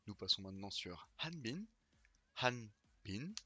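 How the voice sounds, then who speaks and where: A man hosting a pronunciation video, slowly repeating each name with care in a scripted teaching monologue. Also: on the low side, vocal fry, pushed and bright, breathy edge, no room sound. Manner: slow, careful repetition of names.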